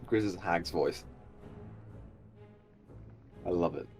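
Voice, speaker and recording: A man's voice: deep voice, very slow, a little mellow, soft background music. A man playing a tabletop role-play game, chatting casually with some swearing.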